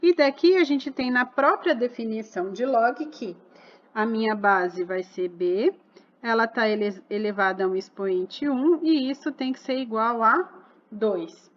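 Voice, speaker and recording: A woman's voice: fairly high pitch, measured pace, muffled recording. A woman explaining a math exercise step by step, patient and asking rhetorical questions as she goes. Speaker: math teacher.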